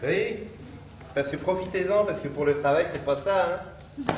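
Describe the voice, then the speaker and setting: A man's voice: high-pitched, moderate pace. A man presenting a comic horoscope sketch on stage, joking and playing with words between chuckles. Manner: joking, wordplay, chuckling asides. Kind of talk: live comedy sketch on stage. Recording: echoey distant live stage recording with noise.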